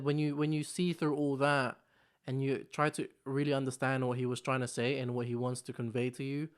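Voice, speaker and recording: This is a casual solo vlog from a young man born in the Philippines who moved to London as a teenager, captured on a camera microphone. His mid-range voice sounds smooth. His talk rambles and repeats, peppered with "you know what I'm saying".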